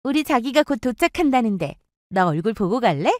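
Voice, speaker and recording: A woman's voice: a little high, big pitch swings, fairly quick, a little mellow, dry recording, clean studio sound, pitched above the performer's own voice. A woman voicing a jealous, taunting young woman who gloats over stealing her friend's ex. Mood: gloating. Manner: smug, gloating and needling. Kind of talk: storytelling with acted dialogue.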